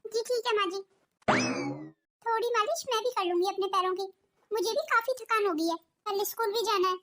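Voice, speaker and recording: A woman's voice: very high-pitched, a little fast, fairly bright tone, slight background noise. A woman voicing a jealous, scheming young daughter-in-law in a cartoon, with a sulky, complaining manner. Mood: sweet.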